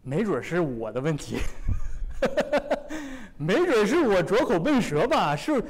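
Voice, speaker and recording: A man's voice: sits high, sing-song, normal speed, big-room sound. A male preacher voicing Moses as a frustrated man who pleads and doubts himself. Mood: exasperated. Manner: pleading, self-mocking.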